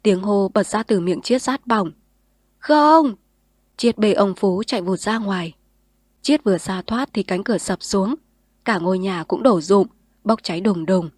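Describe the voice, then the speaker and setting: A woman narrating a novel in a steady, measured reading voice. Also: mid-range voice, breathy edge, dry recording, clean studio sound. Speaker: storyteller.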